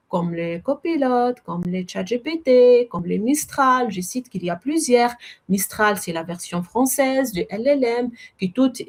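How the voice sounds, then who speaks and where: Woman demoing software, husky voice. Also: on the high side. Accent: non-native French. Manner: explanatory, addresses audience as friends, self-corrects. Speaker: AI trainer presenting a webinar. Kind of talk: live software demo webinar.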